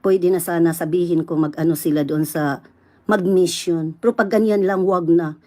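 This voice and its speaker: Isang babaeng Bisaya na may punto ng Visayas, malakas at galit na nagra-rant sa livestream habang nagbebenta online, halo-halong Ingles ang salita. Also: female voice, lowish voice, fairly even intonation, moderate pace. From Visayas, Philippines. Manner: loud indignant ranting, mixing English in.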